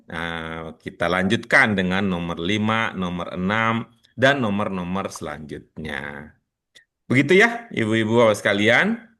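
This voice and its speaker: A man's voice: low-pitched, animated, measured pace, sharp tone. A man teaching an online class in a casual, chatty way, teasing his students and laughing often. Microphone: video call.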